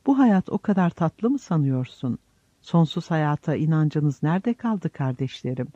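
A male narrator voices a serene old friar on his deathbed, tender and solemn, his tone raised a little above the narration. The voice is mellow and warm, and the recording is dry, dull and slightly lo-fi. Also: on the high side, big pitch swings, a little slow, no room sound. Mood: tender farewell. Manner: soft, solemn farewells.

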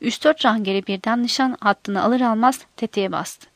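Woman, audiobook narration, measured and steady, fairly high voice, dry close recording. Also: no room sound. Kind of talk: scripted narration of a war novel.

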